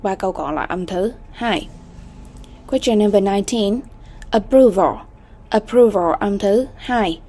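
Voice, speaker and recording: A woman teaching an English exam-prep lesson, slowly repeating English words and often checking in with students. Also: medium pitch, warm tone.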